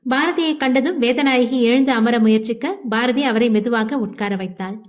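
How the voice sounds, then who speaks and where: A woman's voice: a little high, normal speed. Woman reading an audio novel. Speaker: storyteller.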